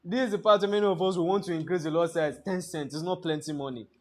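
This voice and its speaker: A man's voice: high-pitched, fast talker, darkish tone. A man teaching a trading class, lecturing in a classroom and constantly quizzing students with fill-in-the-blank questions. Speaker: trading instructor.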